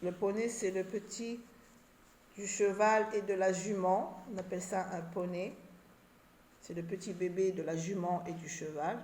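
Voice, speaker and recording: A woman teaching a children's reading lesson, sounding out syllables and words slowly and carefully. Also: mid-range voice, fairly even intonation, darkish tone, a little hiss or hum. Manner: slow, carefully articulated syllables. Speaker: primary school teacher. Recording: echoey room.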